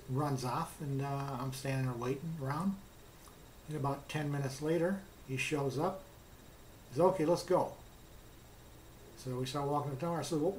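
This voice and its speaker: A man's slightly high voice comes through with a bit of background noise. A car customer, he tells his experience plainly and casually, recounting the back-and-forth dialogue as he goes.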